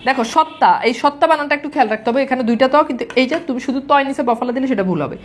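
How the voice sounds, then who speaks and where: A woman teaching grammar, rattling through corrections at speed. Her voice sits fairly high, and she repeats each wrong and right form like a classroom drill. English words slip into her lecture now and then. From Bangladesh. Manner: brisk and repetitive, drilling wrong and right forms; mixes English words into speech. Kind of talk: classroom-style lecture to exam students.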